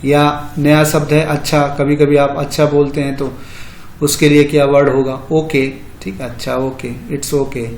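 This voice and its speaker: A man's voice: on the high side, monotone, unhurried, darkish tone, roomy sound, a little hiss or hum, rough recording. A man teaching spoken English to beginners. He explains each phrase in Hindi, repeats the English version several times, and often says "ठीक है". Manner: frequent "ठीक है" fillers.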